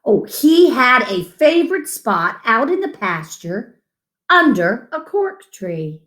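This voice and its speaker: A woman with a voice on the high side reads a picture book aloud to children at story time. Her storytelling is expressive, gentle and deliberate, with asides about the pictures.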